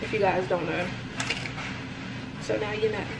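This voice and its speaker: A young adult woman vlogs casually from a room at home and later the bathroom, chatty and rambling as she often calls her viewers "y'all." Her voice is medium-pitched, gravelly, fairly even in intonation, and measured in pace. A phone or camera is propped low and close, and the room sounds echoey and noisy.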